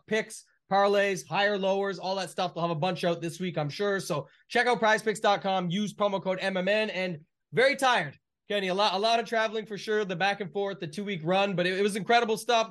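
A man's voice: high-pitched, steady tone, a little fast, a bit bright. A man co-hosting a golf podcast, chatting casually about sport in loose, run-on, clipped phrases. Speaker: co-host of a golf betting podcast.

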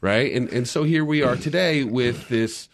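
A man's voice: mid-range voice, moderate pace. A man in a casual podcast discussion, explaining media history in a lecturing way with frequent restarts.

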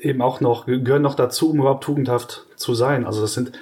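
A podcast co-host with a mid-pitched voice explains things patiently and fast, tripping over restarts before warming into lively, exaggerated examples. His delivery feels conversational, not scripted.

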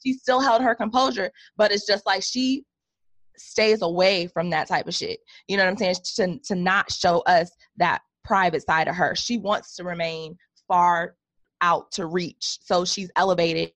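A woman's voice: on the low side, steady tone, normal speed, fairly bright tone, no echo. Outspoken woman co-host, blunt, swears freely, dry close sound. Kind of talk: casual chat.

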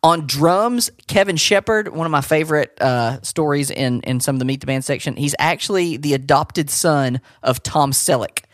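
A man's voice: a little high, normal speed, few pauses, no room sound, clean studio sound. A man co-hosting a podcast, introducing band members in an upbeat, joking way. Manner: upbeat, jokey, laughs often. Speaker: podcast co-host. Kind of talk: casual chat, reading band member notes.

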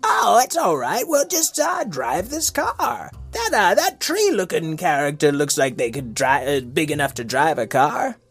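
A man voicing a helpful, excitable female magical sprite in a children's story. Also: on the high side, unhurried, vocal fry, hardly any pauses, husky, faint music behind, heavily acted. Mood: helpful, hesitant.

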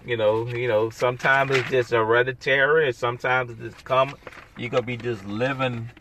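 A man's voice: mid-range voice, steady tone, moderate pace, sharp tone, slight background noise. A man hosting a solo podcast, rambling in a casual, sarcastic, blunt way full of slang. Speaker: podcast host.

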